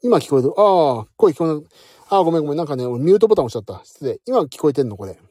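Male streamer, lively self-mocking late-night chat, dark dry close sound. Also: fairly high pitch, rapid-fire, no echo. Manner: chatty, self-mocking, warm sign-off to listeners. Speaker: live audio stream host.

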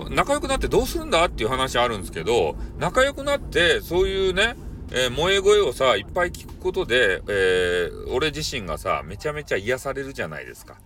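Animated, bright-voiced Kyushu man. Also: medium pitch, a little fast, distant mic, slight background noise. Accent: Kyushu Japanese. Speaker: solo host of a casual audio show. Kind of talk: casual rambling monologue.

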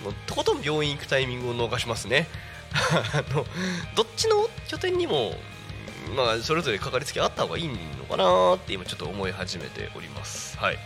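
A man's voice: medium pitch, wildly swooping pitch, a little fast, gravelly, music in the background. A man hosting a casual live local radio show, chatty and rambling, laughing often, with a stuffy nose and throat. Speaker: radio personality.

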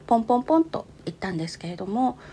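A woman's voice: on the high side, sing-song, racing, mellow, a little hiss or hum. A woman with a cute, anime-like voice talks casually and politely in short phrases, recounting her experience in a personal audio diary.

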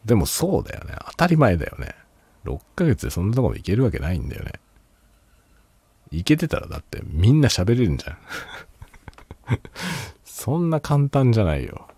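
A man's voice: fairly low pitch, huge pitch swings, fairly quick, long pauses, dark tone, husky, no room sound. A man hosting a casual solo talk show, rambling and laughing a lot while tipsy. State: drunk. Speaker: podcast host.

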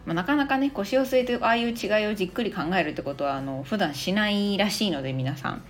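A Japanese woman in her thirties hosting a casual audio English lesson, chatty and full of fillers, who reads model English phrases slowly. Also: medium pitch, expressive, soft background music. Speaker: English teacher and podcast host. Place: Australia, speaking from abroad.

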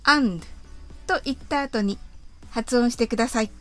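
A woman hosting an English conversation podcast, reading a lesson gently and carefully, drawing out the English examples. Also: a little high, unhurried, soft background music.

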